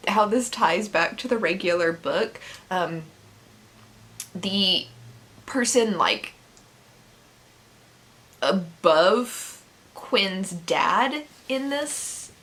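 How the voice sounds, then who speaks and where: Speaking very slowly with long pauses, a woman with a mid-range, slightly bright voice and lively intonation walks through a book's plot in a casual review vlog. She's giggly throughout, laughing through her lines and making sarcastic asides.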